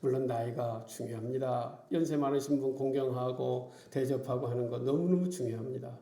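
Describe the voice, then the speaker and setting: A middle-aged male pastor preaching a Sunday sermon, animated, acting out quoted taunts. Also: medium pitch, moderate pace. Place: church sanctuary. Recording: echoey church room.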